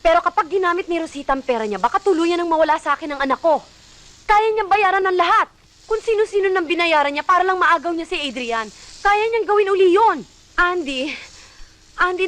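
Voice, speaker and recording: Intense high-voiced anguished mother. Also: fairly bright tone. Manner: intense, emotional. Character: anguished mother desperate to keep her son. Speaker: mother fighting for custody of her son. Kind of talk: dramatic film acting.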